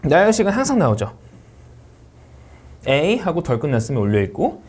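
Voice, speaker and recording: A man lectures on a speaking exam, his pitch swinging widely as he demonstrates intonation. He reads English examples slowly and deliberately, rising and falling on each phrase. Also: huge pitch swings, darkish tone, husky. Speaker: TOEIC Speaking instructor.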